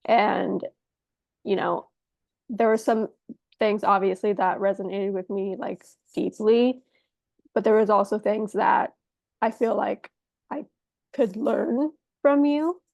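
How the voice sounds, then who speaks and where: A woman's voice: medium pitch, vocal fry, a little mellow, no echo. An American woman guesting on a podcast, talkative and rambling in casual chat. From United States.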